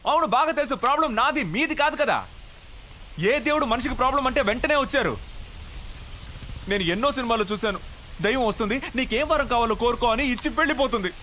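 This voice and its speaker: A man's voice: very high voice, animated, fairly quick, long pauses, sharp tone, slight background noise, exaggerated voice. An actor playing a frustrated young man, an earnest son who pleads and argues with exasperation.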